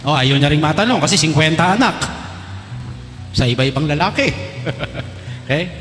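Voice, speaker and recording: Teasing Filipino priest in an echoey church. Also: male voice, on the high side, lively intonation, fairly bright tone. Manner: teasing, quizzes the crowd with rapid questions. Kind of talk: lively homily to a congregation. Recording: echoey church with long reverb, faint music.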